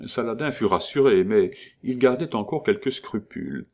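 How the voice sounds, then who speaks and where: A man's voice: lowish voice, very animated, normal speed, gravelly, a little mellow. A man narrating an audiobook, reading expressively with occasional hesitations.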